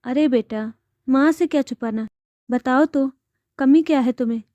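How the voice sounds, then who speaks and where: A woman voicing a caring, worried middle-aged mother, soothing and gently coaxing. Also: high-pitched, normal speed, dry recording, dull audio, natural voice.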